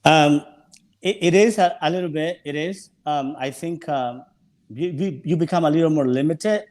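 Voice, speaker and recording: A man's voice: fairly high pitch, normal speed, darkish tone. A man from El Salvador, a sommelier guest talking casually and searching for his words. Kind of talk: casual interview chat.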